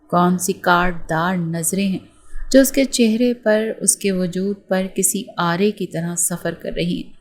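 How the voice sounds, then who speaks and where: A woman narrating a romance novel aloud in a steady, dramatic storytelling manner. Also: fairly low pitch.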